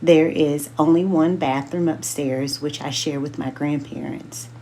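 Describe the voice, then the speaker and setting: A woman reading a children's book aloud as a book club host, slowly and carefully sounding out names. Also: low-pitched, steady tone, warm tone, a little hiss or hum.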